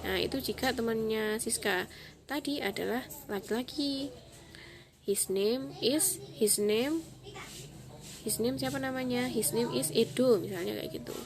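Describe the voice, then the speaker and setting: A woman teacher, giving a slow, clear lesson to young children, spelling letters out and singing the alphabet. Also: fairly high pitch. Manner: slow, clear spelling and sung alphabet, Javanese-polite asides. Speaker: primary school English teacher.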